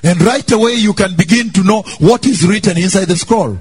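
A man's voice: high-pitched, slightly rough. A man preaching a sermon in English phrase by phrase for an interpreter, in a sing-song, exclamatory way.

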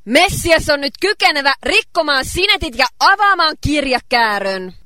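Bright high-voiced female sermon interpreter. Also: no room sound, clean studio sound. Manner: steady, faithful relaying of each phrase.

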